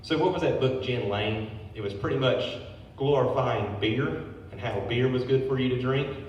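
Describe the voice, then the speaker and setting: The sound is lo-fi: a man's mid-range voice at a normal speed, caught by a distant mic in a very echoey hall with faint noise. He runs a brewery and is giving a public history talk, reading from notes and adding casual asides.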